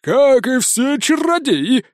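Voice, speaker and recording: A cocky hundred-year-old pirate parrot, screeching up very high and swooping wildly in pitch. He brags and squawks his way through every line, on a dry, close recording. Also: big pitch swings, slow pace, no room sound, full character voice. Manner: brash, boastful, squawking. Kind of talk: audiobook character voice.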